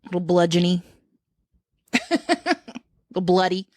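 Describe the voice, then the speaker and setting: A woman hosting a podcast in casual chat, an animated storyteller who laughs often. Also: fairly low pitch, slow pace, no echo, clean studio sound. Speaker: podcast host.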